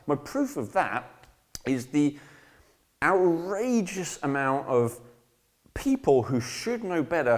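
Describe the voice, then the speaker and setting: A man's voice: medium pitch, darkish tone. A man teaching an online course in a casual, rambling lecture, emphatic and blunt, often checking in with "right?". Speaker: course instructor.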